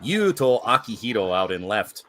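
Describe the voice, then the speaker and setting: Bright-voiced male baseball play-by-play commentator. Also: fairly low pitch, big pitch swings, normal speed, slight background noise. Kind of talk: live sports commentary.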